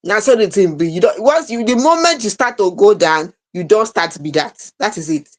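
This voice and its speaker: A woman's voice: mid-range voice, lively intonation, fairly quick. A woman with a Nigerian accent co-hosting an entertainment talk show, chatting casually in Nigerian Pidgin mixed with English. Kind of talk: casual chat.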